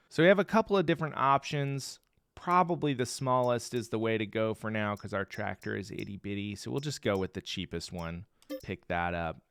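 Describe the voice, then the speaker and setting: Low-voiced man narrating a farming game. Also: smooth. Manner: relaxed, chatty thinking aloud. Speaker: gaming channel host. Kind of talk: let's-play commentary. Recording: game sounds and vehicle noise behind.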